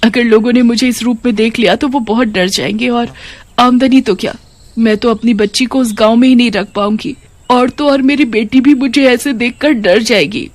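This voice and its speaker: A woman's voice: on the high side, fairly even intonation, normal speed, no room sound, pitched above the performer's own voice, lightly acted. A woman voicing a grieving mother who has become a witch ghost, pleading and motherly in a cartoon story. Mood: earnest.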